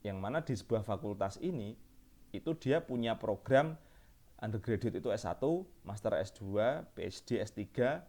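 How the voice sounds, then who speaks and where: A man's voice: lowish voice, lively intonation, moderate pace, darkish tone. A young man, giving a casual university lecture with loose, chatty explanations. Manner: loose, chatty explaining with frequent fillers and restarts.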